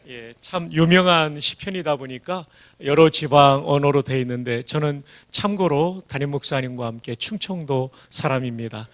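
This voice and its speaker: A man from Daejeon preaching as a guest pastor at a revival service, humble and halting. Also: a little high. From Daejeon, South Korea. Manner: warm, humble, halting with fillers. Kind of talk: revival sermon. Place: church sanctuary.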